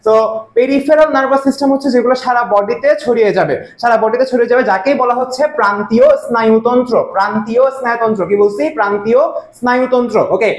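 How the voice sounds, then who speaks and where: A very high-pitched man with a Bangladeshi Bengali accent coaches students for admission exams. He drills key terms by repeating them and keeps asking quick rhetorical questions. The recording sounds echoey, as if made in a bare room. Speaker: admission test tutor. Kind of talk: casual explanatory lesson with repeated quiz questions.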